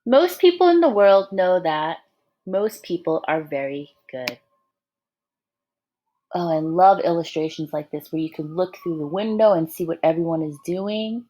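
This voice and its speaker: The audio is poor, but you can hear a fairly low-pitched woman reading a picture book to young children in a teacherly way. She is expressive and encouraging, halting to ask questions and add comments.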